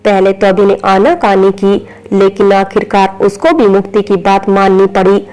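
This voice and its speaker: A woman narrating a romantic drama story in an even, unhurried reading voice. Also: medium pitch, rough recording.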